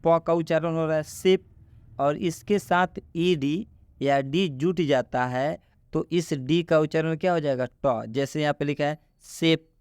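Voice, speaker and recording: A man explains pronunciation rules at a slow, deliberate pace, going over each point again and again and putting questions to the viewer. His voice is smooth and on the higher side, and it sounds close and dry. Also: a little mellow, dry recording. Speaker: English pronunciation teacher. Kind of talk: classroom-style explanation in Hindi.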